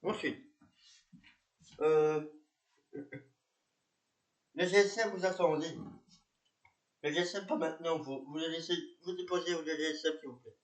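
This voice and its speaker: A man's voice: on the high side, fairly even intonation, unhurried, long pauses. A man narrating and playing a police officer, talking hesitantly with many fillers and repeats. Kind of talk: amateur reenactment of police patrol. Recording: echoey room.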